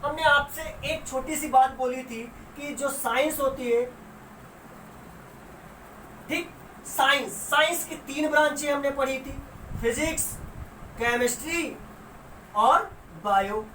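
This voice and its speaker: Speaking slowly with long pauses, a woman with a high, fairly bright voice leads a science lesson at school. She asks the class questions, then answers them herself, lingering on important words. The distant mic picks up a roomy sound and a little faint noise.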